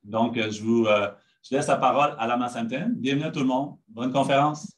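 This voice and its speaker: A man's voice: medium pitch, a little fast. A man hosting a meditation talk, introducing the speaker in a friendly, hesitant way with frequent fillers. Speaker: host.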